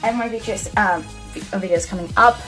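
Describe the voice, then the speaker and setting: A woman's voice: mid-range voice, fast, a bit bright. A young woman vlogger chatting casually to camera, telling a story in a gushing, sassy way with lots of "like". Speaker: beauty vlogger. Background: background music.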